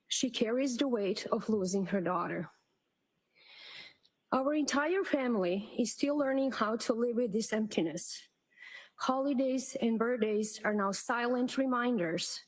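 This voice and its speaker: A woman in a courtroom recording, reading a prepared impact statement at the witness stand in a measured, solemn way. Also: on the high side, rough recording. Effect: courtroom audio feed played on a livestream. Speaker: victim's sister giving an impact statement.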